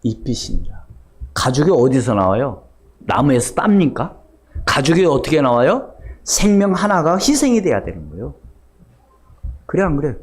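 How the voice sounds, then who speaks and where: A man's voice: medium pitch, sing-song, normal speed, long pauses, breathy edge. A man preaching a sermon as pastor, firing questions at the congregation and answering them himself with emphatic, rising repetition. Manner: call-and-response questioning, emphatic.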